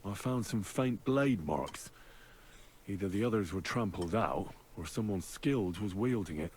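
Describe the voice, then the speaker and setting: A man's voice: on the low side, normal speed, slight background noise, lightly acted. A man voicing a stubborn young medieval hero. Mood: thoughtful. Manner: earnest, steady, stubborn. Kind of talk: video game voice acting.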